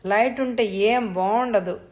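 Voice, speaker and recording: A scheming young woman, played by a woman narrator, coaxing and soft in a near-everyday voice. Her manner turns sharply indignant when she is crossed. She is a figure in a suspense audio story. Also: on the high side, measured pace, close to an everyday voice.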